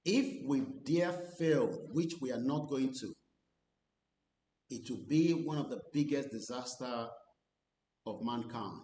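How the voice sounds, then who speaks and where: A man's voice: slow, long pauses, dark tone. A man giving earnest commentary, switching between English and Yoruba. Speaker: channel host. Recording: echoey room with faint rumble.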